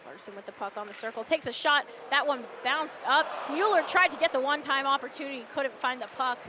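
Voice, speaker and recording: A woman announcer giving rapid, excitable hockey play-by-play as the action moves. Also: high voice. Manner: excitable, voice jumps on shots and goals. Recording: live arena noise behind. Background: hockey arena ambience.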